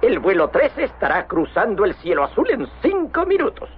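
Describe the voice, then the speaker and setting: A man voicing a jolly, boastful albatross airline captain in an animated film, announcing like a folksy flight attendant. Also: sits high, moderate pace. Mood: breezy, reassuring. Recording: dull lo-fi film audio, faint noise.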